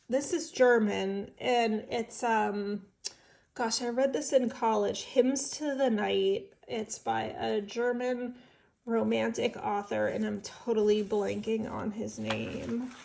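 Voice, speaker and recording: Slow, gravelly woman with a stuffed-up nose. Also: on the high side, steady tone, a little mellow. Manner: chatty, enthusiastic, musing aloud with fillers. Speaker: vintage seller showing an estate sale haul. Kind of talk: casual show-and-tell vlog.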